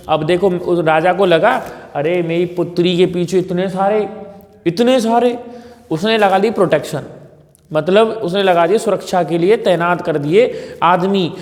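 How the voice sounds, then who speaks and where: Male tutor, high pitch, echoey room; repeats terms, quizzes students, corrects slips. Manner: repetitive drilling, questions and corrections. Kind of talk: classroom teaching with call-and-response drills.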